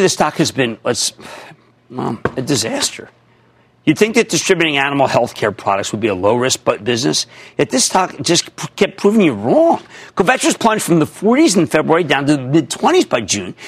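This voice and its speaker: A man in his sixties hosting a TV finance show, talking in an energetic, emphatic way with a husky voice. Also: a little high, a little hiss or hum. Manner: animated, emphatic, shouts at times. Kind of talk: energetic market commentary.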